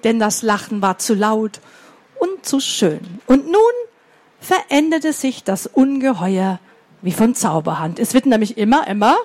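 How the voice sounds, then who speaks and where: A woman reading a fairy tale aloud to children in a slow, expressive way, pausing to ask them questions. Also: on the high side. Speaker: storyteller for children.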